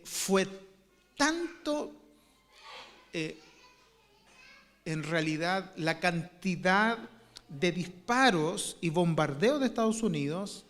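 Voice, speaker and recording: A man preaches from the pulpit, unhurried and a little high-pitched, stopping often on fillers and starting sentences over. His voice rings with the long reverb of a church hall. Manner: storytelling with many fillers and restarts. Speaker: pastor. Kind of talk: sermon.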